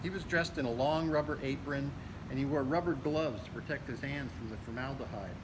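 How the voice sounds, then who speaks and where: A man volunteers to read a novel aloud, audiobook-style, now and then stumbling over a word. His voice sits in the mid-range and moves a little fast. Vehicles and other outdoor noise fill the background.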